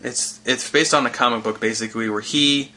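Bright-voiced joking male podcast host. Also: mid-range voice, fairly even intonation, brisk. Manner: enthusiastic, joking and teasing. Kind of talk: casual chat.

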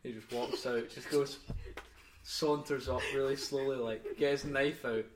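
A man's voice: mid-range voice, fairly even intonation, a little slow. A young man chatting casually on a podcast with friends, telling stories and joking. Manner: storytelling, laughing, joking. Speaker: podcast co-host. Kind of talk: casual chat. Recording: echoey room with clear background noise.

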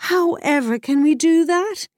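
A woman's voice: on the high side, moderate pace, mellow, slightly rough, no echo, studio quality. A woman voicing a desperate young stable boy in a fairy tale, speaking in a pleading way.

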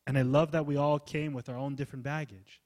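A man preaching a sermon as pastor, swinging from loud emphasis to soft, low asides. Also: little pitch movement, fast. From United States. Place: church hall.

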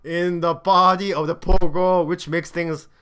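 Sarcastic high-voiced man reviewing dramas. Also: flat delivery, a little slow, a bit bright, a little hiss or hum. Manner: dry, sarcastic humor. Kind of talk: scripted review commentary.

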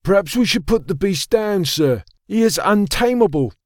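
A dutiful, nervous soldier, voiced by a male narrator, pitched well above the narrator's own voice and deferential to his princes. The sound is dry and close-miked. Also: lively intonation, moderate pace, a little mellow, no room sound. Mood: urging.

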